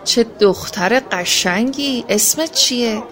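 A woman's voice: a little high, a bit bright, lightly acted. A woman voicing a greedy, scheming middle-aged goldsmith in a children's storybook, with a sly, wheedling way of talking. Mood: sly persuasion.

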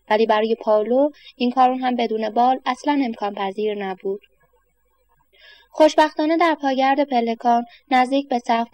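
A woman calmly reading a children's story aloud in a measured, steady manner. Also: fairly high pitch, no room sound.

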